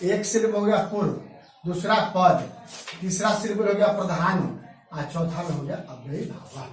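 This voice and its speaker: Male classroom teacher, high voice, drawn-out delivery, distant mic in a boomy room with faint music. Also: very echoey. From Bihar, India. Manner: repeats key terms slowly, asks and answers his own questions. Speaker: Sanskrit grammar teacher. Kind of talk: classroom lecture. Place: echoey classroom.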